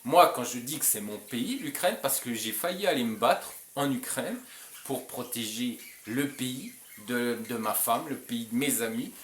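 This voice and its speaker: A man from France addressing his viewers in a blunt, emphatic way, stumbling and restarting often and chuckling between points. His voice sits at an ordinary pitch. The sound is roomy with echo and carries a faint background hiss. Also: expressive, measured pace. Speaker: channel host. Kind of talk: casual direct-to-camera talk.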